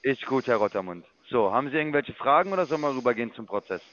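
A man making a sales call in a mid-pitched voice, talking down to the other person. He lectures and steers the talk back to business. The line sounds dull and lo-fi. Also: animated, racing, fairly bright tone. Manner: condescending, lecturing. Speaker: investment sales caller.

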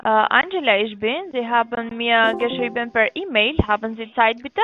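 High woman over a phone line. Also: normal speed. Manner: broken German, repeats herself. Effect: heard over a phone line. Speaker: scam caller. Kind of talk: phone call.

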